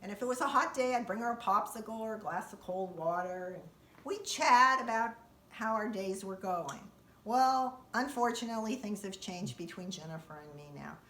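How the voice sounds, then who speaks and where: A woman telling a comic monologue about her daily life, acting out quoted lines in a sudden high, loud voice. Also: normal speed, distant mic, a little hiss or hum. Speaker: comedian. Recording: echoey room.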